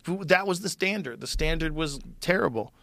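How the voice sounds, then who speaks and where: A man's voice: fairly high pitch, animated, normal speed, vocal fry, bright, forceful tone, dry recording. A man in casual podcast chat, blunt and profane, talking in strong opinions. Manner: blunt, profane, opinionated, mimics voices for effect.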